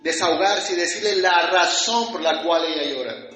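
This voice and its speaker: A man preaching a sermon in a high, bright voice that rings with heavy echo. He builds fervent runs of repeated phrases and slips into quoted dialogue, while soft music sits faintly behind him. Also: normal speed. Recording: very echoey room with faint music.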